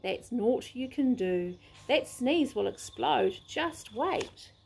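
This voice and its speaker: A woman voicing a greedy, sly male crocodile in a storybook reading, smug and low. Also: animated, slow pace, gravelly, a little mellow, a little hiss or hum, heavily acted. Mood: gloating.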